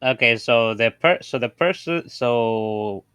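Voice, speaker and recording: A man chats through a tabletop role-play session in a bright voice. He is halting, often doubling back on words, and is recorded dry over background music. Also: medium pitch, clean tone, no echo. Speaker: tabletop game player. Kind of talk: casual role-play chat.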